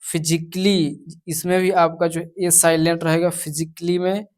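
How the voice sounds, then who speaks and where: A woman with an Indian accent teaching English pronunciation, her voice sitting low for a woman. She talks slowly and deliberately, listing example words one by one and repeating them as she explains each rule. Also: flat delivery, a little mellow. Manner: slow, repetitive, spells out words one by one. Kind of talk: slow classroom explanation in Hindi.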